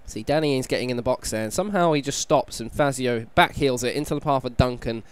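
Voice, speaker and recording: A hungover British man giving casual, self-deprecating commentary on a video game playthrough, sounding slightly croaky. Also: medium pitch, fast talker. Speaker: gaming YouTuber, host. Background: background music.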